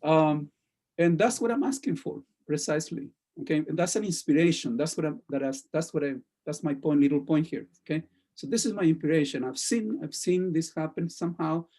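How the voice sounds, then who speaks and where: A male teacher talks through his critique of a student speech on a video call. His voice is fairly high for a man but has a dark, mellow tone. He halts often, restarts his sentences, and keeps checking in with "okay?". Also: brisk. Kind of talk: classroom feedback.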